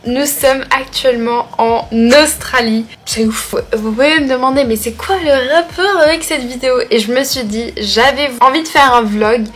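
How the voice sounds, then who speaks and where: High-voiced woman vlogger chatting to camera. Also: moderate pace, hardly any pauses, slight background noise. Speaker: vlogger introducing a challenge video. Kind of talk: casual chat to camera.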